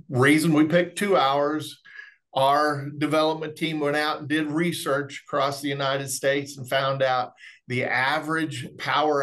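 A middle-aged man with a mid-range, fairly bright voice delivers technical training by webinar. He works as a remote monitoring specialist, presents product training in a folksy, explanatory tone, and is indoors on a video call.

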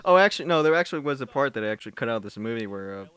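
A man's voice: mid-range voice, expressive, racing, fairly bright tone, clean tone, dry recording. A man casually commenting on his own movie, rambling and self-mocking, laughing often.

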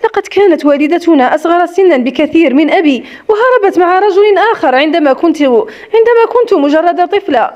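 A woman voicing a gentle, loyal young friend. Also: extremely high pitch, animated, fairly quick, hardly any pauses, dull audio. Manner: gentle and soothing.

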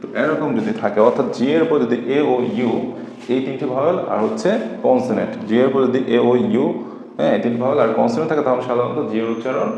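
A man teaching a phonics lesson, spelling words slowly letter by letter and repeating each rule. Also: medium pitch, creaky, darkish tone. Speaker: English teacher. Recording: echoey room, dull lo-fi sound, faint hiss.

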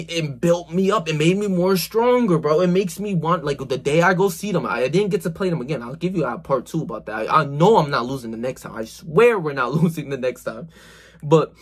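His voice is on the high side and husky: a man in his 20s, just short of twenty-one, vlogging about self-improvement. Gesturing a lot, he gives an emphatic, slangy motivational talk to his phone camera in a small bedroom, swearing often and calling people "bro."

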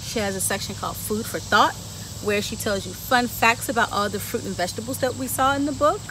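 A woman in her thirties with a fairly high voice speaks fairly quickly, reading a picture book to children on a garden bench before walking them among the plants. She is lively and talks straight to the kids with questions. A camera a few feet away, with no visible mic, picks up her voice along with steady insect noise.

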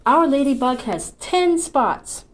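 Her voice sits high, swings broadly in pitch and takes its time, with a roomy sound to it. She is a middle-aged Canadian woman with a Newfoundland accent, a children's librarian giving a cheerful, sing-song, encouraging storytime at home. She is seated in an armchair in a small indoor room, filmed by a fixed camera a few feet away.

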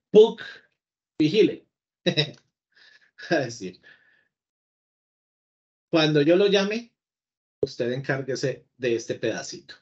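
A male teacher walks through code live, talking casually to his software like a person. His voice sits at a middle pitch. The recording has a slightly dull, lo-fi sound. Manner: chatty, talks to the computer as if to a person. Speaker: programming teacher. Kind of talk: live coding class.

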